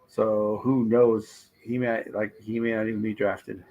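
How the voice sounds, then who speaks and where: A man hosting a live stream, hoarse and losing his voice, reacting to draft picks and answering his chat in casual commentary. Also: lowish voice, little pitch movement, measured pace, narrow, tinny audio. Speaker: livestream host.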